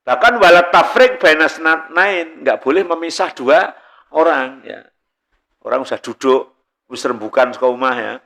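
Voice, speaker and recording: A man's voice: on the high side, animated, moderate pace, creaky, a bit bright. A middle-aged man with a Javanese accent giving a religious study talk, chatty and joking, laughing often and slipping into Javanese. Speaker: preacher.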